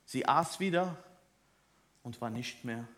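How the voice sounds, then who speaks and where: A man preaching a sermon, dropping to hushed near-whispers and rising to loud, emphatic questions. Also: medium pitch, animated, takes it slowly, slight background noise. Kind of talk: sermon with soft piano. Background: soft instrumental music.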